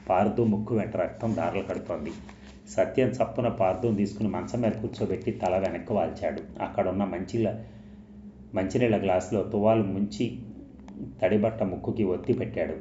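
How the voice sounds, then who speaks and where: A man narrating a novel aloud in steady, measured storytelling, in an echoey, dull recording with a faint hiss. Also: sits low. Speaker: audiobook narrator.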